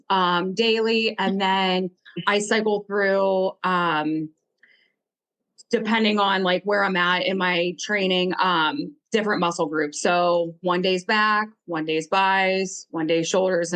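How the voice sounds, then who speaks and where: A woman's voice: fairly low pitch, a bit bright, poor audio. A woman in her thirties, an upbeat and chatty guest on a casual panel. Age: 30s.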